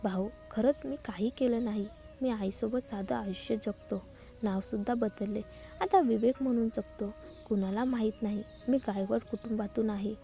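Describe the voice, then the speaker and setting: Storybook figure: woman reading a scared drunk young man, pleading, stammering, mellow dark tone. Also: fairly high pitch, moderate pace, gravelly, soft background music.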